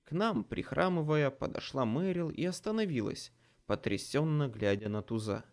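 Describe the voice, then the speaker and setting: A man's voice: mid-range voice, lively intonation, normal speed, darkish tone. A man reading a first-person fantasy audiobook with dramatic storytelling. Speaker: audiobook narrator.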